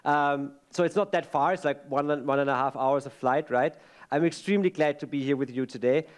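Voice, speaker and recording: A middle-aged man with an Austrian German accent, a native German speaker, gives a chatty, self-deprecating talk on a conference stage, full of fillers and restarts. His voice is on the high side, and he speaks fairly quickly.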